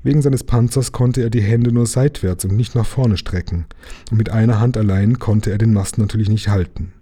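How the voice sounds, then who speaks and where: Husky dark-voiced man reading a story. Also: lowish voice, normal speed. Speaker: reader. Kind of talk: reading a children's book aloud.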